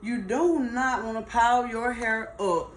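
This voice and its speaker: A woman's voice: fairly high pitch, unhurried. A middle-aged woman gives casual, chatty advice as a hair stylist, emphatic and folksy, repeating points for stress. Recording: roomy echo, faint background noise.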